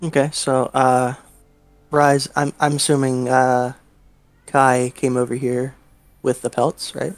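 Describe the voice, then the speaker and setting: A man playing a tabletop game, chatting casually as he describes his actions and haltingly thinks out loud. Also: mid-range voice, level tone, dry recording, soft background music.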